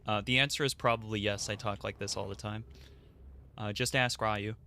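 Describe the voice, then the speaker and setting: A man's voice: lowish voice, steady tone, moderate pace, sharp tone, a little hiss or hum. A man streaming a game, rambling playfully as he plays and answers chat. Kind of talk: casual gameplay commentary.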